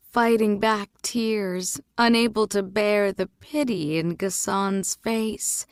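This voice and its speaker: A woman narrating an audiobook in a measured, deliberate manner. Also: medium pitch, clear, resonant tone, no echo, studio quality.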